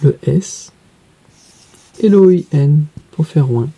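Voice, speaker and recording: A woman teacher guiding pupils through a reading workbook, spelling letters out slowly and carefully. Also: low voice, animated, dark tone, husky.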